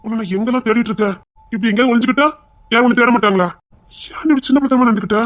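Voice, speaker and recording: A woman voicing a remorseful, tender young husband with a Tirunelveli Tamil accent, in a web-series drama. She pleads and repeats apologies quickly. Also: fairly high pitch, no room sound, close to an everyday voice. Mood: firm tender.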